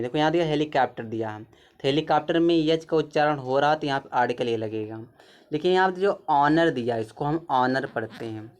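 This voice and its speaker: A man teaches grammar in a patient, repetitive way. He walks through each example step by step and often pauses to check that the listener follows. His voice sits at an ordinary middle pitch. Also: clear, resonant tone. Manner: patient, repetitive explaining with frequent "theek hai". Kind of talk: grammar lesson over a zoomed screen.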